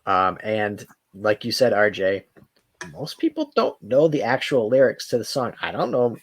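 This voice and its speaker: An easygoing male podcast co-host speaking in a somewhat low voice. He lays out facts in relaxed banter, with plenty of fillers and restarts. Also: moderate pace. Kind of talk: casual banter.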